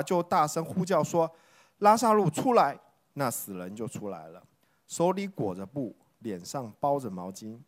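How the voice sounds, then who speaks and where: A person reading a Bible passage aloud in a steady, measured way before handing over to the pastor. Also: medium pitch. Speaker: scripture reader. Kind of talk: scripture reading.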